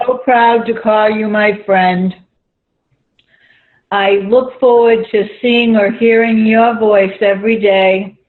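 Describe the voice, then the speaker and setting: A woman's voice: mid-range voice, steady tone. A woman speaking affectionately to a friend during a podcast. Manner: slow, affectionate. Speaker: caller, friend of the guest. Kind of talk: heartfelt remarks. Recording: tinny phone-like line.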